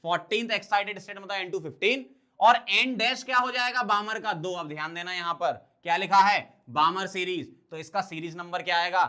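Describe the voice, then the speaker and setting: A man teaching exam-prep chemistry, quickly asking questions and answering them himself. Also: high-pitched, bright, forceful tone. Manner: quick, drilling, asks and answers his own questions. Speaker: chemistry tutor.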